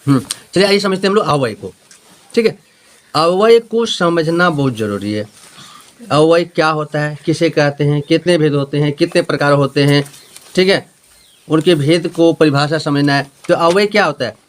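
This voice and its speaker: A man's voice: fairly high pitch, moderate pace. A man teaching a Hindi grammar lesson with a Jharkhand accent, repeating points and checking if students follow. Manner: repetitive, explaining with homely examples and checking questions.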